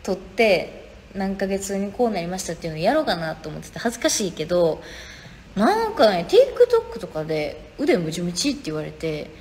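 A woman's voice: fairly low pitch, big pitch swings, normal speed, darkish tone. A young woman with a Kansai accent hosting a live stream from her phone, reading viewer comments aloud and answering them in a chatty, casual way. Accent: Kansai Japanese. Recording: reverberant room, faint background noise.

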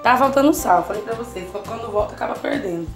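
Faint music sits behind this animated, fast-talking woman with a medium-pitched voice and a Brazilian Portuguese accent. A cooking channel host, she chats to her viewers while cooking in her kitchen for a casual home cooking tutorial, constantly checking in with them.

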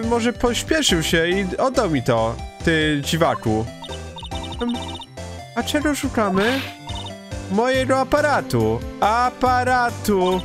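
A hoarse man voicing a loud, brash young woman photographer who talks rough and mangles her grammar. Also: very high voice, pitched above the performer's own voice, full character voice.

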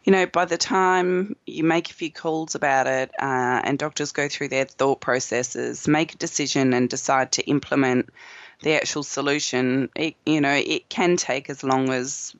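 Gravelly woman losing her voice. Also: extremely low pitch, fairly even intonation, normal speed, no room sound, highs cut off. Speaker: podcast co-host. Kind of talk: casual sales podcast chat.

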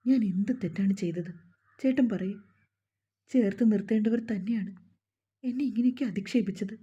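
A woman's voice: a little high, warm tone, breathy edge. Ganga, a pleading young woman, voiced by a narrator. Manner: pleading, earnest. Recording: dull lo-fi recording.

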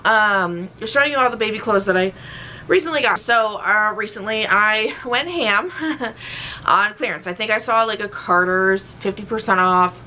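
A woman's voice: mid-range voice, moderate pace, sharp tone, a little hiss or hum. Breathless, chatty young woman vlogger. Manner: chatty and rambling, with frequent fillers and laughs. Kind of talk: casual chat.

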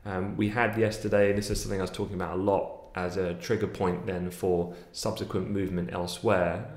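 A low-voiced man in his thirties talks through the markets in a fluent, analytical way, with plenty of fillers as he goes. He speaks from a small home office on a desk webcam, and the room adds a noticeable echo. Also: darkish tone. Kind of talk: daily market commentary.

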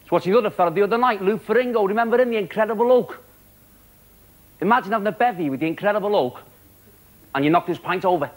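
A man in his thirties with a Liverpool accent doing a stand-up routine of quick, cheeky patter and punchlines. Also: high voice. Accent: Liverpool (Scouse). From Liverpool, England. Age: 30s. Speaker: stand-up comedian. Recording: loud studio audience laughter.

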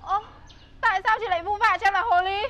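A woman's voice: extremely high pitch, fairly even intonation, fast talker, sharp tone, slight background noise. An actress playing a cutesy, manipulative young woman who whines in baby talk. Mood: coy whiny. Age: young adult. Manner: baby-talk pleading, whiny then haughty. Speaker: actress in comedy sketch.

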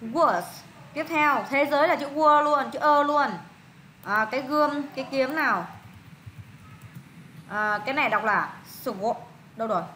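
A woman's voice: high voice, moderate pace, pauses often, sharp tone, reverberant, slight background noise. A woman with a Vietnamese accent tutoring a student one-on-one in English pronunciation, patiently repeating words and prompting answers.

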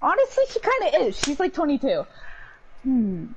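A woman playing a shooter game and chatting with her child, playful and teasing, breaking into excited shouts. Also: high voice, normal speed, lo-fi sound, a crowd in the background. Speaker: gamer streaming with her child. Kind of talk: casual gameplay chat.

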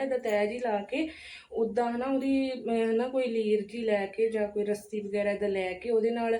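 A woman's voice: on the high side, dark tone. A woman with a Punjabi accent chatting casually and colloquially, as in a homemaking vlog. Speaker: home vlogger and mother. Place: echoey room at home. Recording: echoey room with faint noise.

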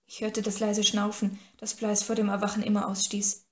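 A woman's voice: mid-range voice, completely flat delivery, moderate pace, a little mellow. Woman narrating an audiobook, echoey. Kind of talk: first-person audiobook narration. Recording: echoey room.

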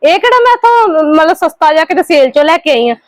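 A woman acting a scheming younger sister-in-law in a home drama skit, quick and defensive while sweet on the surface. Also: extremely high pitch, lively intonation, no room sound. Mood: pleading. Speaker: actor in a family skit.

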